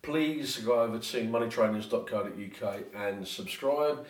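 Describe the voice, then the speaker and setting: Low-voiced British man in an echoey room. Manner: informal, halting and conversational advice-giving. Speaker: host of a personal finance podcast. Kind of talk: casual podcast monologue. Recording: roomy, echoing sound.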